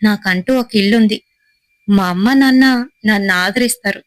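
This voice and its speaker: A woman's voice: mid-range voice, normal speed, no echo, natural voice, low-quality recording. A woman voicing a wronged young wife and mother who speaks in a bitter, heartfelt, resolute way. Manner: bitter, heartfelt first-person telling.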